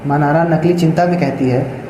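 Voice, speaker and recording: A man's voice: a little high, steady tone, normal speed. A man narrating a dramatic audio story in a plain read-aloud style. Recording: echoey room with faint noise.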